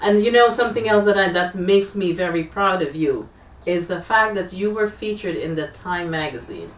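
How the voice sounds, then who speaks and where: A woman's voice: lowish voice, expressive, moderate pace, a little hiss or hum. A woman hosting a TV talk show, asking chatty questions and praising her guest. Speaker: TV host and MC. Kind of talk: interview host. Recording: echoey room, far from the mic.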